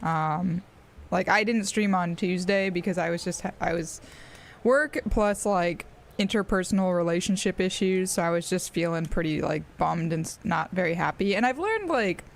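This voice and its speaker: In her twenties and from Australia, this woman nonetheless has an American accent as she chats casually on a live stream. Her voice is lowish and creaky at a moderate pace, and she rambles, filling gaps with fillers and laughter.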